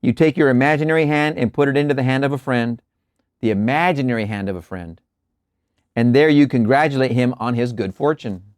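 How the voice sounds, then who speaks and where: Man, mid-pitched voice, measured reading, relaxed asides, dry close sound. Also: no room sound. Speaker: host reading and explaining lectures. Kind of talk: reading aloud with casual commentary.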